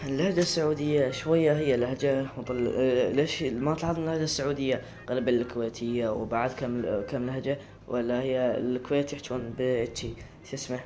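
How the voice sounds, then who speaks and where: A man's voice: mid-range voice, steady tone, fast talker, over music. A man with an Iraqi accent talking casually to camera, rambling and often breaking off to restart words. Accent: Iraqi Arabic. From Iraq. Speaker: video creator.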